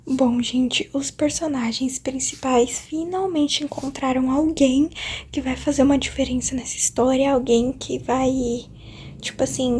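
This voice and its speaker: A woman's voice: sits high, mellow, husky. A young woman from Brazil chatting casually and emotionally about a book in a reading vlog, full of slang and fillers. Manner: emotional, slangy, swings between laughing and crying; chatty and informal, lots of fillers. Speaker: book vlogger.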